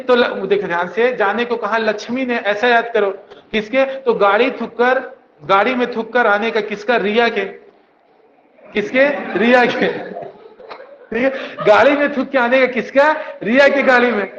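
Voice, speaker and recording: A man's voice: high voice, steady tone, moderate pace, fairly bright tone. A man teaching a coaching class, drilling students with mnemonics in call-and-response. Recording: dull echoey classroom recording.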